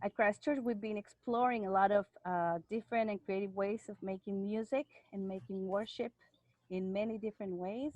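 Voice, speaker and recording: A woman's voice: mid-range voice, fairly even intonation, moderate pace, a little mellow, no room sound, muffled recording. A woman hosting and introducing guests on a video call, speaking casually with some fillers. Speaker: host, church music director.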